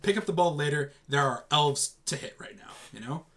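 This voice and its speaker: Man, game commentator, casual, excitable, somewhat high voice, very animated pitch. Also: a little fast. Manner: excitable, reacts aloud with groans and exclamations.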